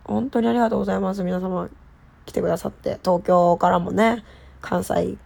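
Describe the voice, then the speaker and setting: A woman's voice: fairly low pitch, steady tone, fairly quick, vocal fry, darkish tone. A woman with a slightly stuffed-up, nasal voice, chatting casually and playfully to listeners as an idol host. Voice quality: nasal from a cold. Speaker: idol group member hosting her solo talk show. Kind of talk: casual solo chat to listeners.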